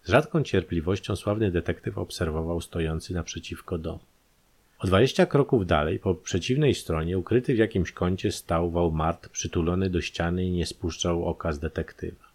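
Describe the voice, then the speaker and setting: A man reading a detective story aloud as an audiobook narrator, steady and measured. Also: sits low. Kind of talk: scripted narration.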